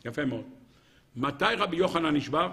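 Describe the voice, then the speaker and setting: A man, a rabbi giving a Torah lesson, retelling Talmud stories with repetition and sudden emphatic high cries, talking straight to his listeners. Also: bright, forceful tone. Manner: dramatic storyteller, repeats phrases, leaps to high emphatic cries; addresses listeners directly. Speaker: rabbi teaching a weekly lesson.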